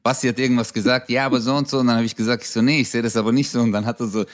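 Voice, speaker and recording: A man's voice: mid-range voice, fairly even intonation, rapid-fire, slight background noise. A man co-hosting a comedy podcast in a loose, casual chat full of slang and fillers. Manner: laid-back, lots of fillers and slang. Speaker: podcast co-host.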